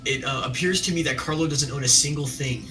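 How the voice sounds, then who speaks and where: A man's voice: medium pitch, fast talker, music in the background, rough recording. A young man chatting casually as a tabletop game player, rambling and hesitant, with lots of "like".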